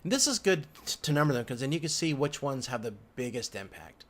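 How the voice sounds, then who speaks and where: This instructor's voice is medium-pitched and sing-song, and he moves briskly. Working at a computer indoors, he walks through an unscripted screen recording in a casual way, muttering and thinking out loud, with keys clacking and a mouse clicking behind him.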